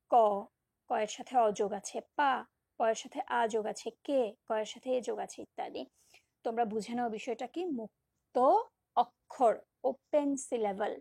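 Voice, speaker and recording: A woman's voice: on the high side, darkish tone, no echo, clean studio sound. A woman teacher giving a recorded lecture, patiently repeating examples and drawing out single syllables. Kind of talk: recorded lecture on poetic meter.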